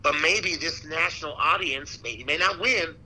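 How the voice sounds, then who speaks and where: A man speaks in a very bright, forceful voice that sits a little high. He is an interview guest chatting casually, with slangy, animated storytelling and the loose phrasing of someone talking shop. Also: normal speed, slightly rough, rough recording. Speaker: boxing ring announcer, interview guest. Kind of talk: casual chat.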